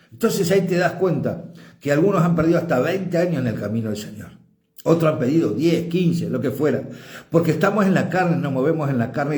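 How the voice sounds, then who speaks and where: A middle-aged man with an Argentine Spanish accent, preaching a forceful, emphatic sermon as a pastor. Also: on the high side, roomy sound. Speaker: apostle and pastor.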